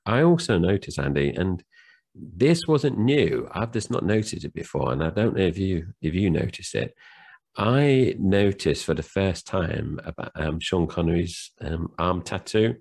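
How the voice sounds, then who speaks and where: A man's voice: low-pitched, lively intonation, unhurried, gravelly, a little mellow. A man co-hosting a film podcast, chatting casually and retelling scenes with lots of fillers. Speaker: podcast co-host. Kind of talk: casual film review chat.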